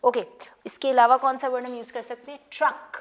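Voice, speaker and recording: A high-pitched woman with a flat delivery and quick pace drills phonics sounds, repeating each one several times. The slow classroom lesson is in Hindi sprinkled with English words.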